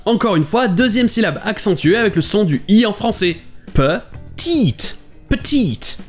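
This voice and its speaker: A man from France hosting a short video lesson, explaining pronunciation clearly and methodically. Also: high-pitched, fairly quick, faint music behind. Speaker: English teacher and host.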